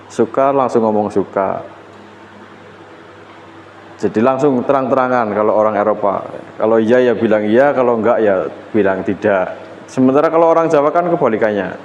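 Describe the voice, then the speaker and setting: A man's voice: fairly low pitch, normal speed, a little mellow, lo-fi sound. A man giving a university lecture in a classroom, talking in a casual, conversational way with fillers and self-corrections. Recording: echoey classroom, faint room noise.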